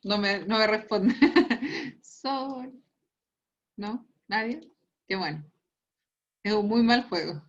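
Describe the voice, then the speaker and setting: A woman's voice: medium pitch, slow pace, long pauses, highs cut off. A Chilean woman teaching a science class online, reviewing a quiz with a playful, teasing manner and frequent laughter. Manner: teasing, laughs often, explains patiently.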